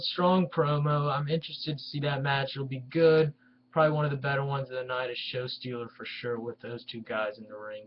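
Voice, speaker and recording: A man's voice: on the high side, muffled recording, a little hiss or hum. A man casually recapping and reviewing a wrestling show, rambling with many fillers and restarts.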